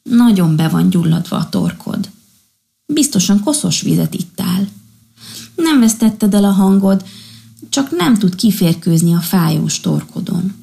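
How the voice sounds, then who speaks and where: A woman voicing a kind, tired little female sea doctor who gently scolds her patients in a storybook. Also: medium pitch, lively intonation, creaky. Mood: gentle, caring.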